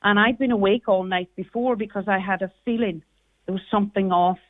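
A woman's voice: medium pitch, fairly even intonation, fairly quick, no echo. A middle-aged woman with a Donegal Irish accent, speaking as a radio interview guest and recalling personal experience. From Carrigart, County Donegal, Ireland. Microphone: phone call. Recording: narrow tinny phone line.

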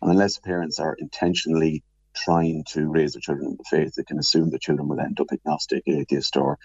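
A man's voice: rumbling low, little pitch movement, darkish tone. A man giving careful, hesitant commentary as a radio interview guest from his office, with an alarm beeping behind him. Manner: measured, hesitant, careful explaining. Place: office, on a remote link. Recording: muffled, echoey office, husky-sounding remote link.

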